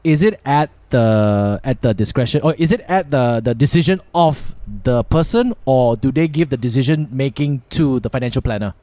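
A man with a Malaysian accent, interviewing casually as a podcast host in a halting way, repeating words. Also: mid-range voice, lively intonation, dark tone, no echo.

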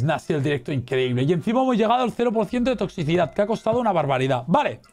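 A man with a Spain Spanish accent giving excitable, exclamatory let's play commentary as a gaming streamer. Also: high-pitched. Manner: excitable, exclamatory, cheering and reading chat aloud.

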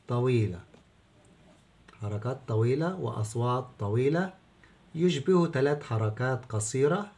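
A middle-aged man with an Egyptian Arabic accent teaching children at a whiteboard, patiently asking questions and answering them himself, stretching words out slowly. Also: medium pitch, darkish tone.

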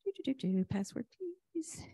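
A woman presenting a rushed lightning talk at a conference, enthusiastic and chatty, often interrupting herself in a flustered way. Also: medium pitch, big pitch swings, warm tone, slightly rough, dry recording. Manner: flustered, chatty self-interruptions while juggling laptop. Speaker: conference speaker, software vendor presenter.

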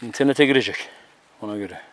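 A man's voice: on the low side, fast talker, slight background noise. A man cooking outdoors on a mountain, giving teasing, bossy instructions to a friend in casual chat, recorded on a camera mic. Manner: bossy, teasing running commentary.

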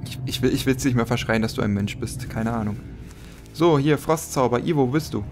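Guy doing a let's play, medium pitch, chatty and jokey, thinking out loud, faint music behind. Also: a little fast. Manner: joking, thinking aloud. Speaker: let's player. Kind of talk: casual game commentary.

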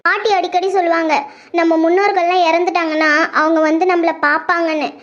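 A woman's voice: very high-pitched, level tone, fast, fairly bright tone, dull audio. A woman voicing a timid teenage girl who anxiously confides in her older brother in a hesitant, pleading way, for a web horror drama. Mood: wistful.

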